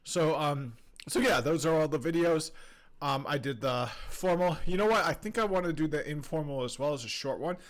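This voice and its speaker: A man's voice: fairly high pitch, normal speed. A man in a casual, hesitant aside to his viewers, full of fillers. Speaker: course participant.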